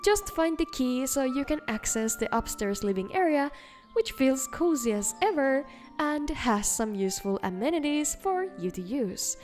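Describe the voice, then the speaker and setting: A woman narrates a video game showcase in a high-pitched voice. She reads from a script as the host, with soft music playing faintly underneath. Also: sing-song, moderate pace. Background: faint background music.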